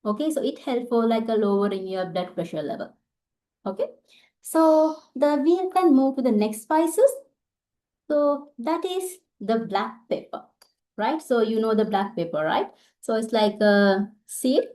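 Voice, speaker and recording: A woman with a Sri Lankan accent giving an informal instructional talk as an Ayurvedic doctor, halting and often checking in with short tag questions. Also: on the high side, lively intonation, dark tone. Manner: halting, checking in with "right?" and "okay".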